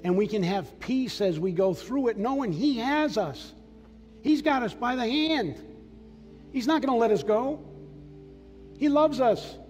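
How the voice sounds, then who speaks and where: An older Massachusetts man gives a sermon of earnest, plainspoken personal testimony on a large church's sanctuary stage. His voice is very high and expressive, unhurried and full of pauses. Soft music sits beneath a long hall reverb.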